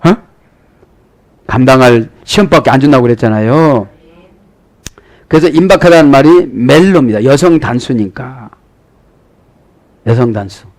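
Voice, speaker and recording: A man's voice: medium pitch, expressive, moderate pace, pauses often. A middle-aged male pastor preaching a sermon, often prompting the congregation with a questioning "eh?" between points. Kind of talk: sermon with Greek word study.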